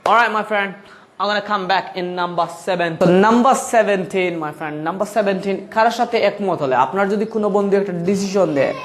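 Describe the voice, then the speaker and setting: A man with a Bengali accent teaching spoken English to beginners, switching between languages, calling the listener brother and repeating each phrase slowly. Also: sits high, fairly bright tone, slight background noise.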